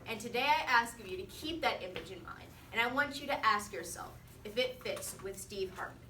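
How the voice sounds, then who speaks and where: In an indoor classroom, a teenage girl gives a prepared, persuasive mock defense speech, repeating phrases for rhetorical effect. Her medium-pitched voice is expressive, fairly quick, and sharp in tone. The recording sounds roomy, with a distant mic and faint noise.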